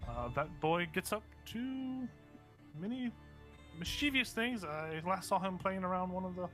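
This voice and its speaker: A kindly elderly grandmother from a tabletop game speaks in a high old hag voice, put on by a man. The sound is bright, with faint music behind it. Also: expressive, unhurried. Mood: fond, wry.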